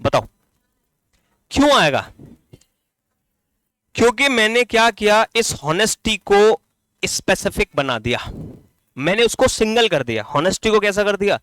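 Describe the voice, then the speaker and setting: A man with a Hindi accent teaching English grammar in a classroom lecture, asking the class questions and answering them himself, drawing out key words slowly as he writes. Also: high-pitched, very animated, a bit bright, clean tone, no room sound. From India. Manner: stretches key words slowly while writing on the board.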